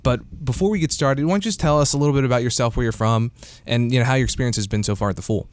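Racing along in a medium pitch, this investing podcast host keeps things loose and conversational. He leans on fillers such as "uh" and "you know" a lot, and the recording sounds dry.

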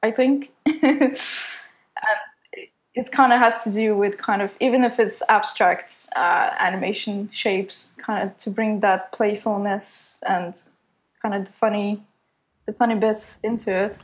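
A young woman animator at a studio, not a native English speaker, answers interview questions casually and hesitantly, peppering her speech with fillers like "kind of." Her medium-pitched voice is steady in tone and unhurried.

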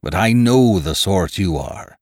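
For an audiobook character, a man plays a cunning old pirate cook with one leg, gruff and persuasive in a scheming mood. His voice sits low and a little mellow, with lively intonation at a measured pace, recorded in studio quality with no echo.

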